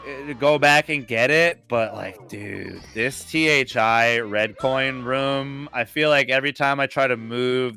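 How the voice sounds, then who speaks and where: A man's voice: medium pitch, sharp tone. A young man giving casual live speedrun commentary in a laid-back, slangy, rambling way.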